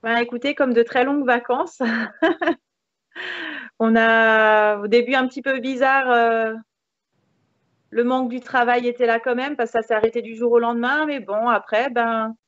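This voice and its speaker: Speaking a little slowly and pausing often, this upbeat interview guest has a fairly high voice and a dry recording. She's a hair salon manager in her thirties chatting over a video call from a beamed-ceiling room, captured on a device mic with dull, lo-fi sound.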